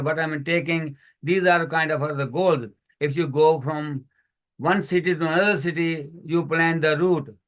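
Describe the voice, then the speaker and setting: A man with a fairly high voice teaches a community workshop over a video call as a financial educator. His English has non-native phrasing, and he explains by listing one example after another.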